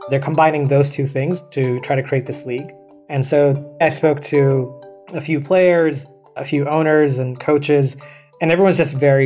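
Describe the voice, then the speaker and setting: A man's voice: medium pitch, darkish tone. A man from Pakistan, a senior producer and reporter, talking casually and chattily in an interview, often saying "like" and "you know".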